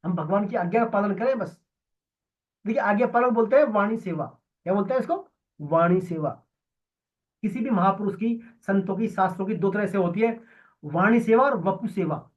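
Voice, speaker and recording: Guy teaching a gita class, kinda high voice, repeats stuff a lot, muffled lo-fi sound. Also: moderate pace. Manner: explanatory, repeats words for emphasis. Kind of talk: devotional lesson.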